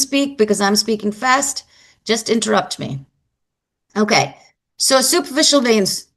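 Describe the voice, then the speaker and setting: A woman giving a live anatomy lecture, brisk and emphatic, quizzing her students as she goes. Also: medium pitch, vocal fry.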